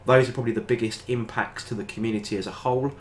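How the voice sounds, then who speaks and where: An older British man, host of a tabletop gaming channel, chats to camera in a casual review of a game book, rambling with plenty of ums and uhs. His mid-range voice is steady but racing, thick and nasal from a head cold, with slight background noise.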